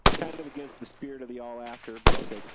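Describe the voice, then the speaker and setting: A man's voice: medium pitch, steady tone, fast, heavy background noise. A man playing a military squad game, mixing sweary casual chat with radio-style callouts. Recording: loud gunfire and clicks over game comms.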